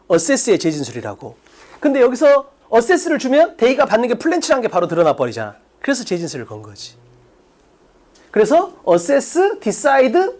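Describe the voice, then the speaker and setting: A man teaching an English exam-prep lecture in Korean, emphatic and quick to drop into low asides. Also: darkish tone.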